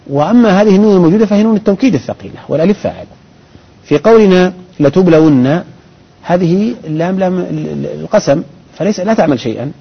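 A man teaching grammar on a call-in program, explaining patiently and methodically with pauses and restarts. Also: fairly high pitch, breathy edge. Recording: dull broadcast audio.

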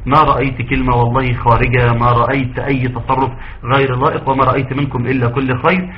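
An Egyptian man runs a quick-paced online tajweed lesson, firing questions at his students and praising their answers. His voice comes through dull, lo-fi call audio. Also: medium pitch, little pitch movement, slight background noise. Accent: Egyptian Arabic. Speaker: Quran recitation teacher.

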